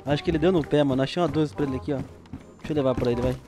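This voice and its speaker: A man's voice: fairly high pitch, very fast, over music. A young man with a Brazilian Portuguese accent giving casual, slangy gameplay commentary and laughing often. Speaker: gameplay streamer.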